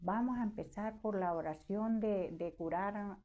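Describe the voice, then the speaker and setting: A woman's voice: mid-range voice, measured pace, dark tone, muffled recording, slight background noise. A woman telling family stories in an interview, animatedly acting out her relatives' voices as she quotes them. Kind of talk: personal storytelling.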